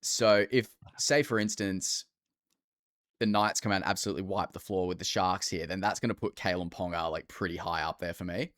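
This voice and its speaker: A man's voice: deep voice, fairly even intonation, fairly quick, fairly bright tone, no echo, clean studio sound. An Australian man co-hosting a podcast, talking casually about sport over a call. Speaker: fantasy rugby league podcast co-host.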